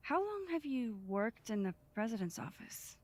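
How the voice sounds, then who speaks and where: An actress playing a curious young woman who investigates, direct and probing, with a breathy voice. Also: on the high side, very animated, moderate pace, darkish tone.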